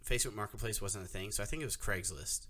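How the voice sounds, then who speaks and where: A man chatting casually on a podcast and telling a long story with animated energy. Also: lowish voice, fast, crowd noise. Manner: storytelling, animated, laughs often. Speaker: podcast co-host. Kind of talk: casual chat. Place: podcast recording, audio only.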